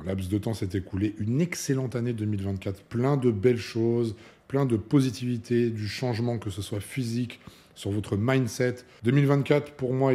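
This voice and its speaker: Chatty, low-voiced fitness coach. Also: male voice, warm tone. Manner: chatty, emphatic, many fillers and asides. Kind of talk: casual talk to camera.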